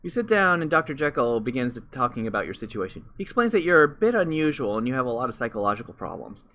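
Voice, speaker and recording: A man's voice: medium pitch, sing-song, quick pace, a bit bright. A man reading a text adventure game aloud, breaking off for wry comments and correcting himself as he goes.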